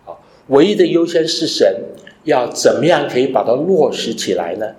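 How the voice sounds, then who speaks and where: A man's voice: mid-range voice, expressive, normal speed, darkish tone. Guy giving a sermon, keeps asking the crowd questions, echoey sound. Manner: teaching, asks listeners rhetorical questions; mixes English phrases into his talk. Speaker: pastor. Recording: echoey room.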